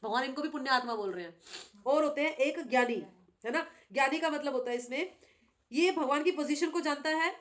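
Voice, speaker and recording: High-pitched woman teaching a scripture class. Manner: animated, questioning students with frequent tag questions. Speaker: spiritual teacher.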